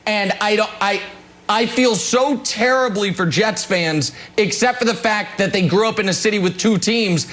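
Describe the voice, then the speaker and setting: A man's voice: high-pitched, moderate pace, fairly bright tone. A man co-hosting a sports debate show, arguing emphatically and with open disbelief. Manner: emphatic, incredulous, argumentative.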